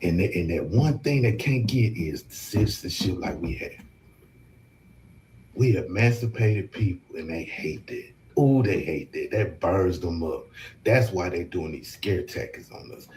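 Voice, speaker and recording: A man on a podcast panel speaking emphatically, slowing down to drive his points home. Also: low voice, animated, darkish tone, slight background noise.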